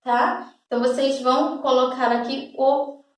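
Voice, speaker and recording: High-voiced teacher, echoey room. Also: female voice, steady tone, a little slow. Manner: patient, checks in often with "tá?" and "ok?". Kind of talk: recorded school lesson. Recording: echoey room, voice far from mic.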